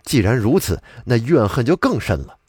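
A man's voice: mid-range voice, big pitch swings, normal speed, darkish tone, breathy edge, dry recording. A man voicing a proud, stubborn young scholar who talks in a cool, grudging way.

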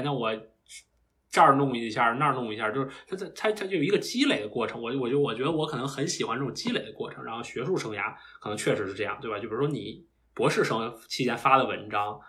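A man's voice: medium pitch, a bit bright. A young man, a recent PhD graduate, talking as a guest in a casual podcast interview, thinking aloud in a reflective, meandering way with frequent restarts. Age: young adult.

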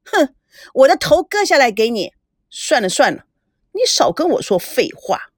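A sharp-tongued young woman in an audio novel, jealous and quick to mock, with a raised, lively voice, as a woman narrator puts her on. The sound is close and dry. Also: high-pitched, dry recording, voice pushed up. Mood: scornful. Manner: sharp, mocking.

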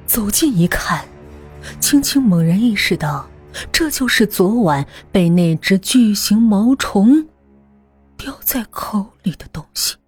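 A woman narrating a horror story in a hushed voice that often drops to a half-whisper. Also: mid-range voice, lively intonation, slow pace, breathy edge, no room sound, faint music behind.

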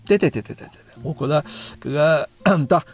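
Speaking fairly quickly in a fairly high pitch, this man in his fifties hosts a relaxed conversation. He has a Shanghainese accent, chats freely, and keeps seeking his guest's agreement.

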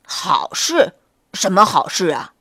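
A woman voicing a big, hungry male gray wolf in a children's story, loud and blustering, slow to catch on. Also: lowish voice, very animated, breathy edge, no echo, clean studio sound, pitched below the performer's own voice, heavily acted. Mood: puzzled.

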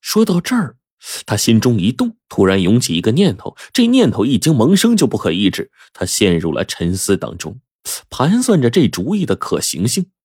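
Deep-voiced, expressive male storyteller. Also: moderate pace, husky, no echo, clean studio sound. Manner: expressive, dramatic. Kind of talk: dramatic storytelling narration.

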